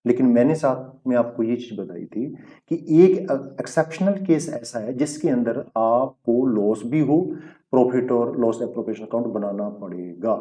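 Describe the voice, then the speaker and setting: Dark-voiced man teaching accountancy. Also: mid-range voice. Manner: explains step by step with repeated checking questions; mixes English terms into Hindi speech. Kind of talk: recorded classroom lesson.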